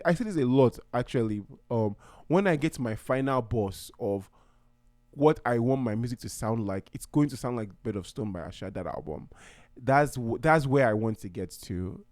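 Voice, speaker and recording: A man's voice: mid-range voice, animated, moderate pace, a little mellow, dry recording. A young man from Nigeria hosting his own podcast in a casual, heartfelt way, rambling and often restarting his sentences. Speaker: podcast host. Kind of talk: casual solo podcast talk.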